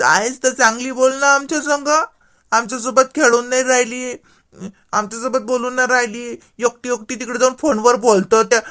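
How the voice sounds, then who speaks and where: Brief: a woman doing a slightly high, whiny cartoon little brother with a Varhadi accent, complaining and pleading. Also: sharp tone. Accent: Varhadi Marathi. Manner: whining, pleading. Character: young village boy, whiny little brother.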